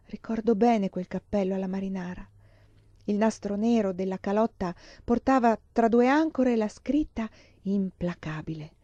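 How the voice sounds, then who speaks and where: A woman reading a novel aloud in a measured storytelling manner. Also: mid-range voice, mellow, dry recording, dull audio. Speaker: reader.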